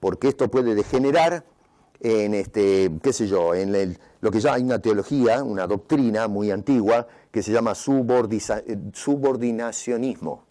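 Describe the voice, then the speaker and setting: A man's voice: on the low side, moderate pace, warm tone. A man preaching a sermon as pastor, with emphatic rising and falling delivery, stumbling and restarting over some words.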